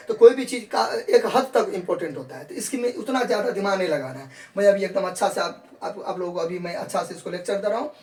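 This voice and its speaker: A man teaches biology in a classroom style. He repeats each point and answers his own questions. He coaxes the students along as he shows them a real leaf. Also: high-pitched. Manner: calls students "babu log" in a coaxing tone.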